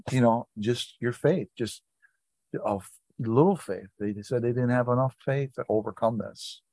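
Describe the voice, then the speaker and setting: A man's voice: medium pitch, darkish tone, no room sound. Casting note: man teaching scripture informally, plain everyday delivery, dry close sound. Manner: conversational, reads scripture aloud with asides. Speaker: Bible study leader.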